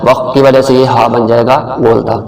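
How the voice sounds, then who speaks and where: A man teaching Quran recitation, chanting verses slowly in a melodic voice, then explaining the rules in quick, plain speech. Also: mid-range voice, flat delivery, darkish tone, recorded from a distance, rough recording. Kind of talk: word-by-word recitation lesson.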